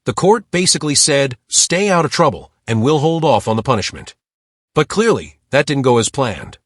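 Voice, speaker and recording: A man's voice: mid-range voice, animated, normal speed, dry recording, studio quality. A man narrating scripted commentary over court footage with dramatic emphasis.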